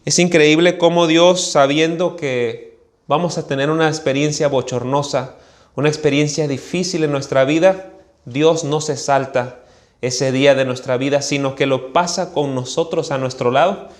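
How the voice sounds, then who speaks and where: A Mexican-accented pastor tells a personal story from the pulpit and acts out the voices in it. His voice sits on the higher side for a man. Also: normal speed. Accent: Mexican Spanish. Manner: animated storyteller, acting out voices. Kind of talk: storytelling sermon.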